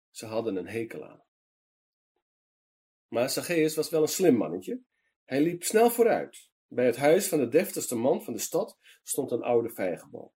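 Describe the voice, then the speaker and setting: A man reading a children's Bible story in a lively storytelling manner for a meditation program. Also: mid-range voice, slightly rough.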